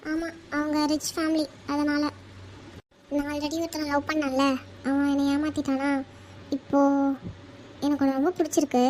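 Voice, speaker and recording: A woman voicing a young woman in love in a cartoon, who speaks softly and hesitantly. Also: high-pitched, little pitch movement, moderate pace, long pauses, a little hiss or hum, lightly acted. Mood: worried. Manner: soft, hesitant speech. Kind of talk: cartoon voice acting.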